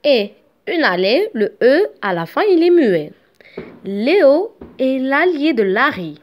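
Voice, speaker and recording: A woman's voice: high-pitched, big pitch swings, highs cut off. A woman teaching a beginner reading lesson, sounding out syllables and letters one at a time. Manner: slow, syllable by syllable. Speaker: French teacher.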